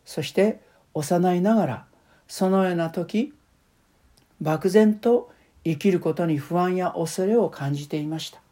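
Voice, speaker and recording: Woman preacher, mellow warm tone, calm measured sermon delivery. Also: fairly low pitch.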